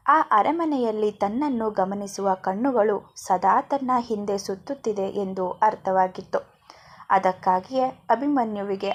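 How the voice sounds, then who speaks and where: A woman narrating a serialized story in a calm, even reading voice. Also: medium pitch, husky.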